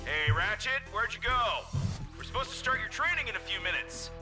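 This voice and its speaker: Very high-voiced eager space ranger. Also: male voice, lively intonation, moderate pace. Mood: calling out. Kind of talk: video game voice acting. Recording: music behind the voice.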